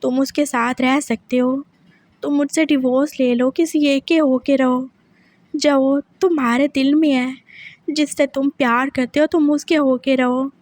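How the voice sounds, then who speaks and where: A woman's voice: high-pitched, little pitch movement, measured pace, a little mellow, dry recording. A woman reading a story aloud, voicing a young husband who pushes hard with repeated questions. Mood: tender, remorseful. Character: intense possessive young husband, man.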